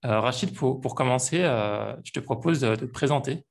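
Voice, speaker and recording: A man hosting an interview podcast, calm and polite as he welcomes his guest. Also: mid-range voice, moderate pace, gravelly. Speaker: podcast host. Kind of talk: casual interview talk.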